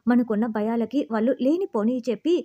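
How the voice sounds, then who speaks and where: A woman voicing a scheming, sharp-tongued middle-aged woman who scolds and bargains. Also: a little high, a little fast, lightly acted. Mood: suspicious. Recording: slightly dull recording.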